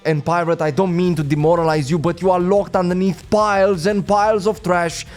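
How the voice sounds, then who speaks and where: A man's voice: high-pitched, steady tone, a little fast, faint music behind. A man narrating a tabletop game as game master, dramatic and playful.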